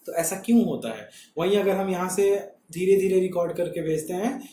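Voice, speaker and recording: High, mellow-voiced male teacher in an echoey room. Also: fairly quick, slight background noise. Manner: repetitive, checks understanding with rhetorical questions. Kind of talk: classroom lecture.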